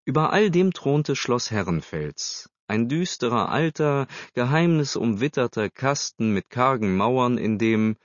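A man reading a story aloud as narrator, steady and measured. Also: mid-range voice, no room sound. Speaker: audiobook narrator. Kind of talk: scripted narration. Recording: slightly dull dry recording.

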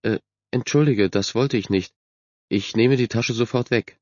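A man's voice: mid-range voice, a little slow, dry recording, highs cut off, natural voice. A man voicing a shy, insecure girl who speaks timidly and hesitantly. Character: shy, self-conscious chubby girl.

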